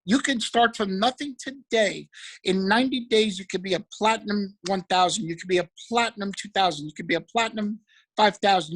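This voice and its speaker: A man giving an energetic, preachy motivational talk about trading, repeating affirmations. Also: high-pitched, husky, poor audio. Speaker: motivational speaker for a trading group.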